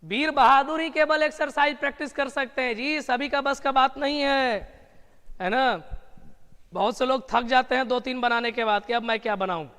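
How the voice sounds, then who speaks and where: A man teaching English grammar in a live online class, energetic and full of praise for his students. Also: very high voice, normal speed, clean tone, big-room sound.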